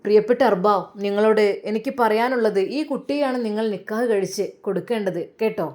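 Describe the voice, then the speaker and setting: A woman's voice: medium pitch, brisk, lightly acted. A woman voicing a kindly, motherly older woman who coaxes and reassures. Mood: coaxing. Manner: warm coaxing, repeats endearments.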